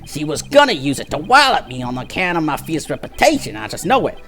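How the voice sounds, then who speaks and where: A man acts out a cocky little crook on the witness stand in a courtroom game. He talks in folksy street slang with clipped word endings, pitched on the high side and lively. Faint music plays behind him. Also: quick pace. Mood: aggrieved. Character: scrappy small-time pickpocket witness, cocky and folksy.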